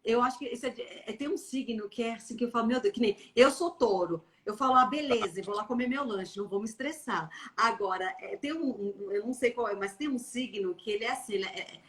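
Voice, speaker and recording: A young Brazilian woman talking casually and bluntly as a guest on a live stream, animated and playfully acting out how others talk. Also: on the high side, fairly quick, hardly any pauses. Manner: blunt, animated storytelling with playful quoted voices. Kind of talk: casual chat.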